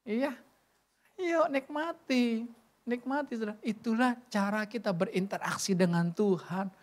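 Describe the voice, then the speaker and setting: A woman's voice: fairly high pitch, measured pace, a little mellow. A middle-aged woman preaching a sermon at a church service, chatty and joking, with many rhetorical questions.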